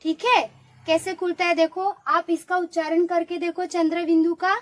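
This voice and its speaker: A woman's voice: extremely high pitch, level tone, moderate pace. A woman teaching young children, coaxing them to repeat sounds after her and praising each answer. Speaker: primary school teacher. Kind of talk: online lesson for young children.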